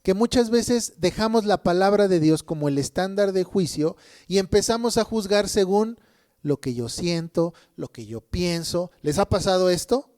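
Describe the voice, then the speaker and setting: A man's voice: high-pitched, moderate pace. A man preaching a sermon, emphatic, often checking in with listeners. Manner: says people think he is shouting.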